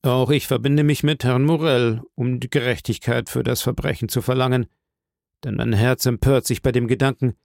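A grave doctor who speaks firmly and in a measured way, read by a male narrator in his own gravelly voice. The recording is dry and close. It is an audiobook figure, steady and serious. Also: mid-range voice, no echo, natural voice. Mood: resolute. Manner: firm, measured. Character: resolute older doctor, firm and grave.

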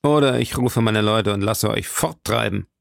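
A man's voice: fairly low pitch, moderate pace, creaky, dry recording, clean studio sound. Buckingham, a man reading as a haughty duke. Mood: indignant. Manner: outbursts rising to shouts, fading to whispers when dying. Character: haughty English duke, alarmed then dying. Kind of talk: audiobook reading.

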